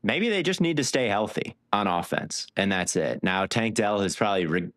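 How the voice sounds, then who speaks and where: A man co-hosting a casual sports podcast, walking through stats with lively analysis. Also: fairly low pitch, moderate pace, no room sound, studio quality. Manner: stat-heavy, animated analysis. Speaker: podcast co-host.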